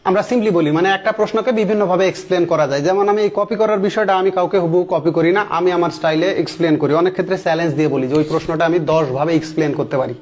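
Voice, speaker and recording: A man in his thirties with a high voice teaches an online grammar lesson. He walks through each example step by step, asks his students questions and repeats the key words. He slows right down to spell out each English sentence. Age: 30s.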